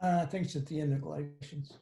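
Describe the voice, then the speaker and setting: An older man talking as a guest on a video call, halting, with many restarts and fillers. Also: a little high, steady tone, warm tone. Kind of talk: casual chat on a video call. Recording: roomy video call audio.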